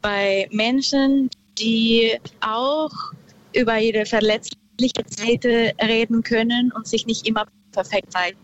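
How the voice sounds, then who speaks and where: A woman from Peru, calling in to a radio show from her car and speaking slowly and thoughtfully, with many pauses. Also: on the high side, fairly even intonation, highs cut off, slight background noise. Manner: slow, thoughtful, hesitant. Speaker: caller. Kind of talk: radio call-in.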